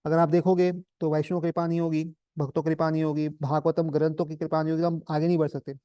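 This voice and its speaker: Male spiritual teacher, high voice, dry recording, chatty storytelling sermon style. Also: little pitch movement, fast talker, warm tone, clear, resonant tone, dry recording. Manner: conversational, anecdotal, mixes English terms. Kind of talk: Hinglish devotional talk to a group.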